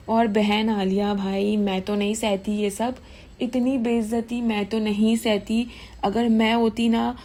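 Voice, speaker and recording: A woman's voice: medium pitch, darkish tone. A young woman giving casual, indignant gossip commentary, switching freely into English. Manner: chatty, mixes English into Hindi, indignant gossip. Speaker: commentary vlogger.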